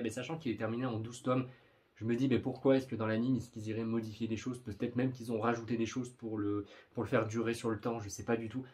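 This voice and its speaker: A young man chatting casually in a vlog about upcoming manga, rambling and often stumbling over his words. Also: medium pitch. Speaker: manga YouTuber.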